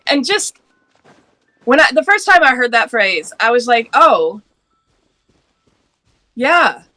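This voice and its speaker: A woman in her late thirties from Georgia in the US Deep South speaks in a higher, sharp-toned voice, recorded with no echo but poor audio quality. She talks earnestly and passionately in a casual panel discussion, laughing now and then.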